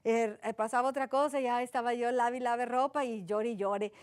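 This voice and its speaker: Woman preacher, somewhat high voice, earnest and chatty, leans on repetition and tag questions. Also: steady tone, a little fast, clear, resonant tone. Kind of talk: conversational sermon.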